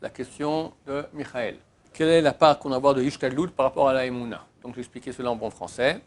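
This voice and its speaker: A man's voice: mid-range voice, steady tone, fast. A rabbi giving an emphatic Torah lesson in answer to a question, repeating his key words.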